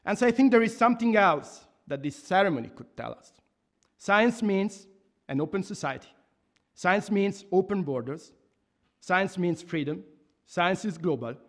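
In a university hall, a high-pitched professor in his thirties from Italy, with an Italian accent, reads his formal laudation from notes at a lectern. The microphone is on a stand, and his earnest, measured delivery includes restarts and emphatic pauses.

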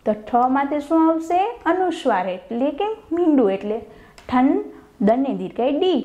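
A woman's voice: high-pitched, very animated, normal speed, dark tone, roomy sound, dull audio. A woman teacher with a Gujarati accent giving a lesson to young children, asking questions and answering them herself, drawing out the answer words in dictation. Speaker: primary school teacher.

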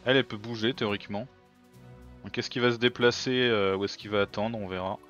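A man hosting a let's-play video, chatting casually as he plays and thinking out loud with plenty of fillers. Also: fairly low pitch, steady tone, fast, lo-fi sound, faint music behind. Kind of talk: casual gameplay commentary.

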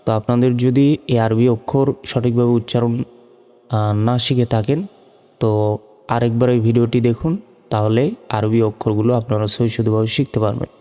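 A man teaching Arabic letter pronunciation in a slow step-by-step lesson, drawing out and repeating each sound. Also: mid-range voice, fairly even intonation, warm tone. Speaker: Quran teacher. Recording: long hall reverb with faint music.

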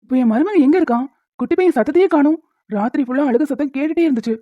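A woman's voice: sits high, animated, racing, no echo. Cartoon husband, bickering and whiny, voiced by a woman, tinny dry phone-like sound. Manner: loud protesting outbursts. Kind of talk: Tamil cartoon dubbing.

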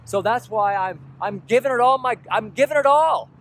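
Standing by a road with traffic faintly audible, a man in his 60s preaches earnestly into a camera at arm's length. His voice is very high and a bit bright, at a moderate pace, and he repeats points with pleading emphasis.

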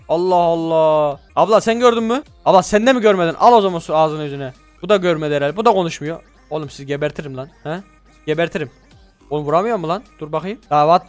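A man with a high voice gives excitable, slangy gameplay commentary. He chats to his viewers and barks at the game characters as he goes. Faint music plays underneath. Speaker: gaming YouTuber.

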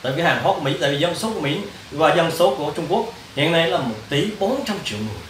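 Lecturing monastic students on the dharma in an informal way, a Buddhist monk wanders and repeats himself while questioning his listeners directly. His lively, quick voice is a little high and a bit bright, captured by a far-off mic in an echoey hall with faint hiss.

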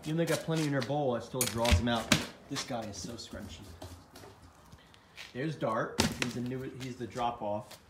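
A man giving joking, casual commentary while he livestreams his home on a phone, teasing the people around him and talking softly to his cats. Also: medium pitch, moderate pace, roomy sound, very noisy. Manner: joking, teasing, with frequent laughs; soft, cooing talk to pets. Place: home kitchen, then garage.

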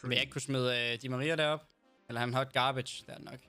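A man's voice: medium pitch, fairly even intonation, bright, forceful tone, faint music behind. A man from Denmark streaming a football video game in casual chat, blurting out and swearing at the game. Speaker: gaming streamer. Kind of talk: casual live-stream chat while playing.

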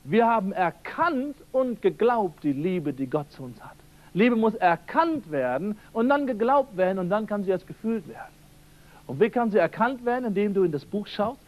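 A man's voice: high-pitched, a little mellow. A man preaching a seminar sermon, emphatic and repeating key phrases while addressing his listeners directly. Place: church seminar hall. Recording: old radio-quality seminar tape.

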